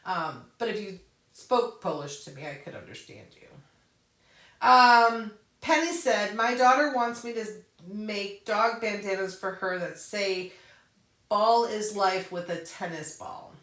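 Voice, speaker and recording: A native English-speaking woman demonstrates on her computer during a casual live craft Q&A, fielding viewer questions, thinking out loud and laughing a lot. She talks slowly in a mid-range, fairly bright voice, recorded with roomy echo at some distance from the mic.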